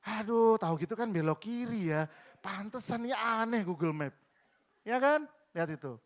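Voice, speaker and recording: Animated male preacher with a higher voice. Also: normal speed. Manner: lively, conversational, acts out voices of others. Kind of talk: sermon. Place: church in West Jakarta.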